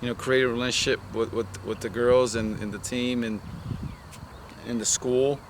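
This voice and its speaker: A man's voice: medium pitch, flat delivery, moderate pace. Brazilian-born man, outdoor traffic noise. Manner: rambling, many restarts and "you know" fillers. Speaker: head women's soccer coach. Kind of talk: casual interview.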